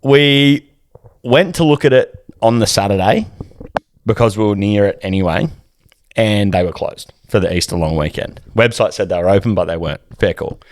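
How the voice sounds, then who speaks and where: A man's voice: lowish voice, normal speed, no room sound. A young Australian man on a podcast, telling a story in casual chat, swearing freely and acting out quotes in a raised voice. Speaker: podcast co-host.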